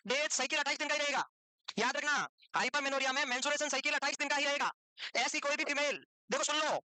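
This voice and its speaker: A woman with a high, bright, forceful voice teaches a medical class, quizzing her students with question after question. She switches between Hindi and English medical terms, and the recording has no room sound.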